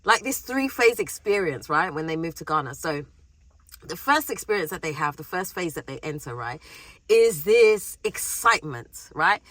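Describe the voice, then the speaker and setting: A woman's voice: lowish voice, moderate pace, dry recording, low-quality recording. A woman from the UK with a British accent, chatting casually to camera from a parked car, a little under the weather with a cold. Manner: chatty, animated, acts out quoted voices. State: has a cold. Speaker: vlogger. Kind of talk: casual vlog talk to camera. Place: parked car in a parking lot.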